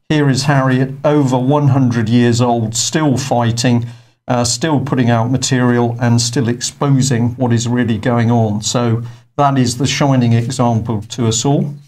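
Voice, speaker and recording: A man's voice: medium pitch, a little mellow. A man presenting an online news show in a conversational, hesitant way with frequent fillers. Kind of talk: unscripted studio news talk.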